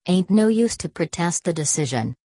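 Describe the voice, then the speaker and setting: A woman reading an audiobook, voicing an encouraging man calling loudly from a crowd. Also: lowish voice, sing-song, moderate pace, dry recording, clean studio sound. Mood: rueful. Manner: loud, folksy call-outs.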